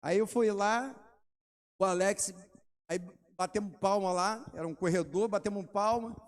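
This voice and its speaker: A man's voice: high voice, unhurried. A middle-aged man, preaching a sermon and asking the congregation rhetorical questions between testimony stories. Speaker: pastor.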